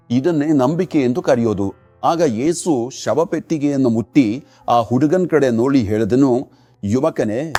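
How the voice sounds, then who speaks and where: Guy doing a dubbed sermon, earnest and repetitive, warm low voice, faint music under it. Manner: earnest preaching, repeated commands. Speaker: preacher.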